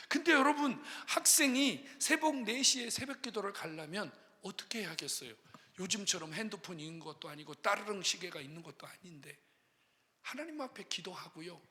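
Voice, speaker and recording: A male pastor preaching a testimony sermon, telling his story dramatically, moving from hushed asides to loud shouts. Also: high-pitched. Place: prayer house sanctuary. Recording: long hall reverb.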